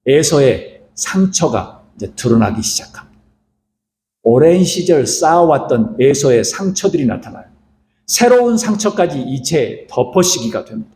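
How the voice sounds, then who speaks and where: A man's voice: on the high side, big pitch swings, normal speed, dark tone, echoey room. A man preaching a sermon as guest pastor, posing rhetorical questions to the congregation and acting out what people say. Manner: asks the listeners rhetorical questions and acts out quotes. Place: church sanctuary.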